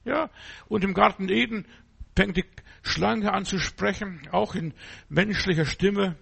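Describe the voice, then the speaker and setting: Gravelly high-voiced male preacher. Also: a bit bright. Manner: slow, emphatic, punctuates phrases with "ja". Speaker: pastor. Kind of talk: sermon.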